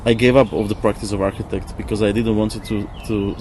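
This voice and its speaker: Recorded outside amid noisy birdsong and traffic, a low-voiced man speaks in a level tone. He's a former architect and interview guest, not a native English speaker, talking reflectively and haltingly as he searches for words and repeats them.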